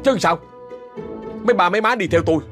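A man's voice: sits high, fast talker, a bit bright, faint music behind, voice pushed up. A man voicing a panicky young male thief who wails, pleads and then brags. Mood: boastful. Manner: wailing, pleading, then boastful.

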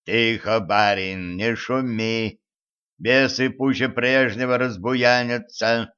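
A man playing a gruff, slow-talking graveyard master. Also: mid-range voice, fairly even intonation, sharp tone, highs cut off. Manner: slow, gruff, folksy commanding. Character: gruff male graveyard master posing as a fortune-teller.

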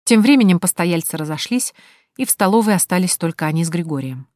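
A woman reading a novel aloud in an even storytelling manner. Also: fairly low pitch, fast talker, dry recording, studio quality. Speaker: audiobook narrator. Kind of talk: scripted narration.

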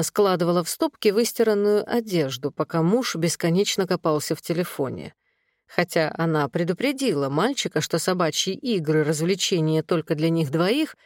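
A woman narrating an audiobook in an even, measured reading. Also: lowish voice, no echo, clean studio sound. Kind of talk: scripted narration.

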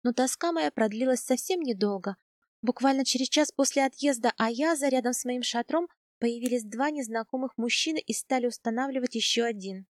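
Woman, audiobook narrator, first-person story, slightly high voice, soft intimate reading, dry recording. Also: a little fast, dry recording.

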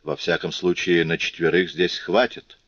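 A man's voice: sits low, flat delivery, normal speed, a bit bright, slightly rough, no echo. A man voicing a stern, commanding male revolutionary leader, firm and authoritative, in a dull, lo-fi recording.

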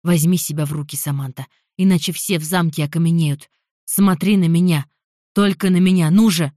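A woman narrator gives voice to a pushy, self-serving invisible young man. He presses and urges without letup, a touch lower and louder than the telling around him. The sound is close and dry. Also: slow pace, dry recording, lightly acted. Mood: insistent. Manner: insistent, pressing, loud. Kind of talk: audiobook character voice.

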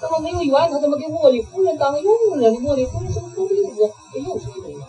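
Male Buddhist monk, very high, mellow voice, lively storyteller sermon. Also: fast, low-quality recording. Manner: lively storytelling, acting out the voices in his tale.

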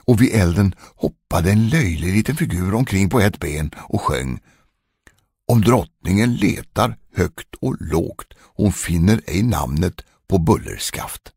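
Brief: male narrator as plain messenger, low husky voice, matter-of-fact. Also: lively intonation, darkish tone, no room sound, studio quality, exaggerated voice. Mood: earnest.

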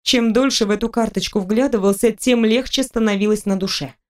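A woman's voice: a little high, fairly quick. Woman narrating an audiobook. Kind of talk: scripted narration.

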